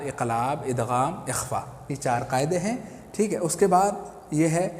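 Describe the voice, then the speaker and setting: A man's voice: a little high, a little mellow, slight background noise. A man with an Urdu accent teaching a Quran recitation lesson, patiently explaining step by step and repeating key terms. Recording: echoey room.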